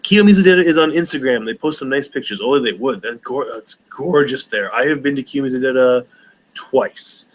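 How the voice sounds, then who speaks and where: A man's voice: medium pitch, normal speed, rough recording. A man in his forties hosting a casual live stream Q&A, rambling with many hesitations and restarts. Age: 40s.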